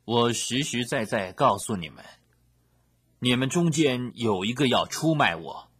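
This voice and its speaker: An actor playing a solemn, sorrowful adult male teacher in a storybook scripture reading, speaking in slow, weighty pronouncements. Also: lowish voice, big pitch swings, a bit bright, husky, dry recording, exaggerated voice.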